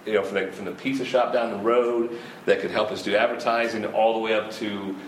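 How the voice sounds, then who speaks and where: A man's voice: lowish voice, fairly even intonation, fairly quick. Rambling, laughing man in his fifties. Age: 50s. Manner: rambling, laughs often, frequent restarts. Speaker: festival organizer. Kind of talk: casual interview chat. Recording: roomy echo with faint ambient noise.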